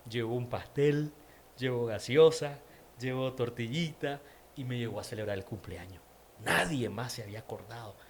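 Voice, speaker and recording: A man's voice: mid-range voice, moderate pace, a little hiss or hum. A man with a Nicaraguan accent, an interview guest giving a personal faith testimony, repeating words for emphasis. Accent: Nicaraguan Spanish.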